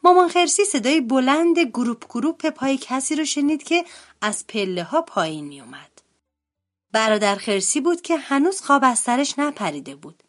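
A woman reading a children's storybook aloud as narrator, in an expressive, lively way. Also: sits high. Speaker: translator and storybook reader.

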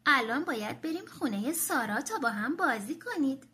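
A woman voicing a patient, gentle mother donkey who soothes and coaxes. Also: high-pitched, very animated, exaggerated voice. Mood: soothing. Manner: soothing, coaxing.

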